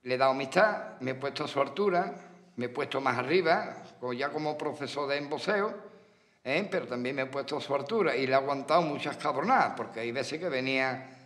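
A man's voice: medium pitch, a little fast, a bit bright, long reverb tail. A man, a boxing trainer, speaking in an interview with an earnest, repetitive, folksy manner. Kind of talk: documentary interview.

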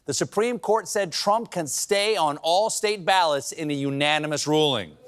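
A male comedy host delivers a late-night monologue in a dry, sarcastic tone. His voice sits a little high. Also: normal speed, a bit bright.

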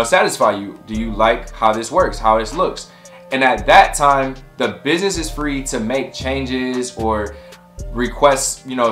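A man in his thirties, a tech career coach, explaining to camera in a relaxed, conversational way from his home office. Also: medium pitch. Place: home office with window, indoors. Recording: roomy echo with faint music.

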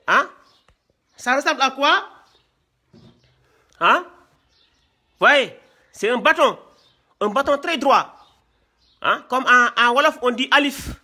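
A teacher from Senegal with a strikingly high, bright voice. He speaks very slowly and repeats each point, often checking in with his class. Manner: slow and repetitive, often checks with "hein?". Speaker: Quran teacher. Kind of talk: classroom lesson.

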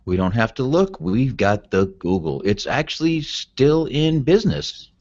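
A man's voice: mid-range voice, sing-song, measured pace, darkish tone, dry recording. A man co-hosting a casual wrestling chat podcast, laid-back and swearing freely. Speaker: podcast co-host. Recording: dull, dry lo-fi sound.

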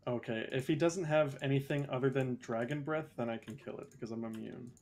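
A man's voice: medium pitch, a little fast, darkish tone. A man chatting casually while playing a video game with friends. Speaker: gamer in a group playthrough. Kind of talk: casual gaming chat. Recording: clear background noise, keyboard typing.

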